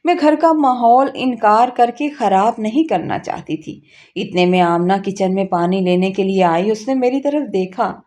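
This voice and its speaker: Plaintive woman storyteller, mellow voice. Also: mid-range voice, expressive, unhurried. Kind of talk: emotional first-person story narration.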